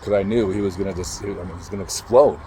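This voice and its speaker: Low, mellow man telling a personal story. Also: steady tone, slight background noise, poor audio. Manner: halting, emotional, swears casually. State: emotional. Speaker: motivational speaker.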